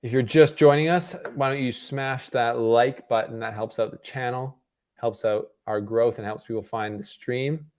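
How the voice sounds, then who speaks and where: A young man from Canada talks through a tennis match for his live-stream viewers from home. His voice sits in an everyday middle pitch, and his talk is loose and conversational, full of fillers and restarts. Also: moderate pace. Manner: relaxed, chatty, with filler words and self-corrections. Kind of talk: casual live watch-party commentary. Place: home room.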